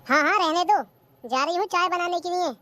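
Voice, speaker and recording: A performer voicing a cheeky, lazy young daughter-in-law who talks back, in a cartoon comedy. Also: female voice, very high voice, a little fast, sharp tone, dry recording. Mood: sassy.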